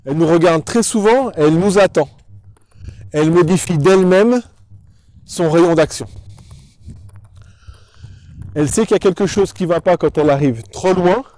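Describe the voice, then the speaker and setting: Man, higher-pitched voice, dry close sound, dog trainer, didactic tutorial delivery, direct address. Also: normal speed, pauses often, dark tone, dry recording. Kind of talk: instructional explanation to camera.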